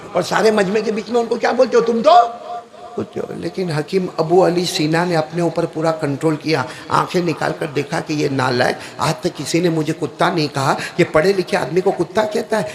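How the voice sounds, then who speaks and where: Male preacher, storytelling sermon, high gravelly voice, animated. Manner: animated, calls out to the crowd.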